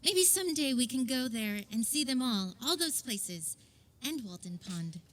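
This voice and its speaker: A calm, patient mother who answers her child gently, as a woman plays her in a staged concert reading of a musical. Her voice is fairly high and her delivery is reassuring. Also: normal speed, lightly acted. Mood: gentle.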